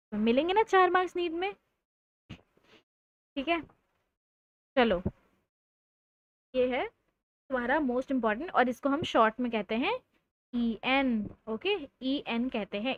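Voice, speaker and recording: A young woman teaching chemistry in a live online lecture, joking with students and drawing out key terms slowly for emphasis. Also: high voice, dull audio. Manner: playful, teasing students between explanations.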